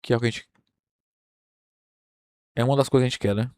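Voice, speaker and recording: A Brazilian man lectures through a number theory proof at an unhurried pace, pausing often to check that his listeners follow. His voice sits at an ordinary middle pitch, recorded dry and close with little room sound. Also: fairly even intonation, a little mellow, smooth, dry recording. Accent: Brazilian Portuguese. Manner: explains step by step, checking in with "tá?" and "né?". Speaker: university math lecturer.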